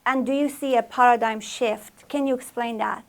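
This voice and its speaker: Creaky-voiced woman interviewer. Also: a little high, steady tone, normal speed. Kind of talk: formal interview questioning.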